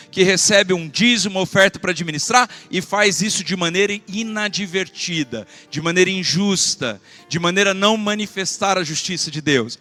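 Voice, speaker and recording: A man preaching a fervent sermon as pastor of his church, swinging between loud exclamations and quiet asides and calling out questions to the congregation. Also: high voice. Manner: asks the congregation for call-and-response.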